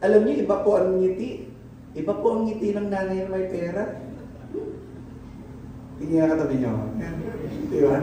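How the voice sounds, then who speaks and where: A man's voice: sits high, moderate pace, pauses often, warm tone, a little hiss or hum. A male pastor with a Filipino accent preaching a conversational sermon in church, often asking the congregation questions and mixing in English. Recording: echoey church hall, mic from a distance.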